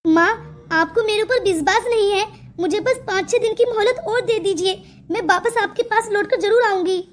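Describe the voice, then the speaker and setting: A weepy young village daughter, voiced by a woman for a cartoon story. Her voice is very high and thin. She pleads and cries through her words. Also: moderate pace. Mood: pleading. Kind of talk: cartoon voice acting.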